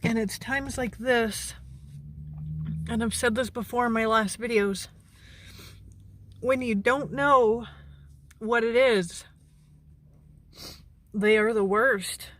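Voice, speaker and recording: A woman sounding anxious and shaken, speaking haltingly and earnestly to camera in a personal vlog. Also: a little high, a little hiss or hum. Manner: halting, earnest, with long pauses. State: anxious, shaken during a panic attack. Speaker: mental health vlogger. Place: outdoors beside a parked car.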